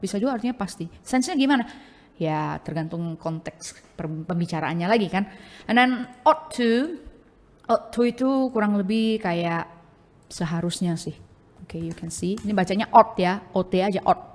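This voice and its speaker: A woman's voice: mid-range voice, expressive, moderate pace. A woman with an Indonesian accent teaching English grammar in a casual, chatty way, sprinkling English into her explanations with many fillers like oke and ya. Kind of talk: casual bilingual grammar lesson. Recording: long hall-like reverb.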